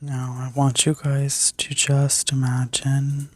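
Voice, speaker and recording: A woman whispering a soothing guided meditation in an ASMR style, like a sleep story narrator, gently giving instructions with a breathy voice. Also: extremely low pitch, flat delivery, takes it slowly, no echo. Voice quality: breathy, mostly unvoiced whisper. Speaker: ASMR reiki healer and video host.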